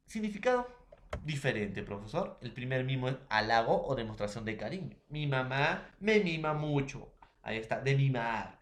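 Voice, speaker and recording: Casting: Peruvian male teacher, mid pitch, explains slowly and checks in with the class, roomy echo. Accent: Peruvian Spanish. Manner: repetitive, addresses students and fellow teachers, asks rhetorical questions. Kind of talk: recorded remote class lecture. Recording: echoey room.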